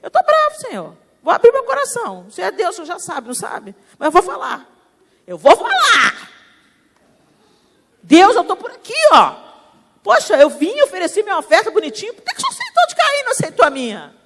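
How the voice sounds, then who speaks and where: A sulky, self-pitying young Cain, as a woman preacher puts him on, whining his complaints in quick, high-pitched outbursts. The sound rings out with a long church-hall reverb. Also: huge pitch swings, a bit bright, exaggerated voice. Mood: indignant. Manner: whiny complaining, rapid outbursts.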